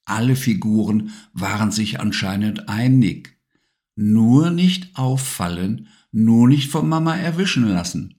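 A man reading a children's bedtime story aloud in a slow, expressive storytelling manner. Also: on the low side. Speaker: narrator.

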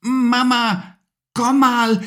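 A man's voice: extremely high pitch, level tone, very slow, fairly bright tone, voice pushed up, heavily acted. A man voicing a sleepy, stubborn little boy who whines and insists. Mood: insistent.

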